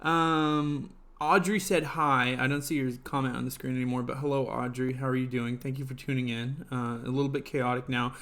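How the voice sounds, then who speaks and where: A man's voice: mid-range voice, flat delivery, brisk, few pauses, a bit bright. A man hosting a casual live stream, rambling and filling gaps with ums and uhs. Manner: rambling, heavy on fillers and restarts. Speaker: livestream host.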